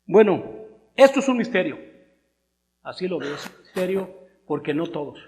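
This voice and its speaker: Mexican preacher in a reverberant hall. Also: male voice, high voice, very animated, moderate pace. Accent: southern Mexican Spanish. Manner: conversational, rambling preaching with repeated words. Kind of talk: sermon. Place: church hall. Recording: long reverb in a church hall, through a loudspeaker.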